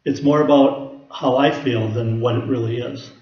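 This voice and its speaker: A man's voice: medium pitch, steady tone, normal speed, reverberant, dull audio. A man preaching a conversational teaching sermon, explaining scripture with everyday personal examples. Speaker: pastor.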